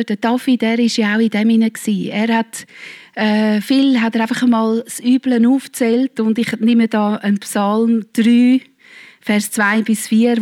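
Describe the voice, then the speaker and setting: A woman's voice: a little high, a little mellow. A middle-aged woman preaching a sermon, speaking earnestly and directly to her congregation.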